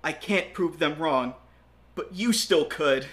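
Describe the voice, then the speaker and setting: A young man voicing a brash young male hero, yelling melodramatically. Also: fairly high pitch, slow pace. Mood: pleading.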